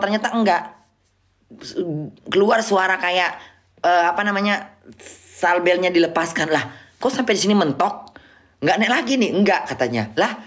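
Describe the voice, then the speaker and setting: A middle-aged woman from Indonesia telling a travel story on a live stream, exclaiming often and acting out sounds and quoted exchanges. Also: medium pitch.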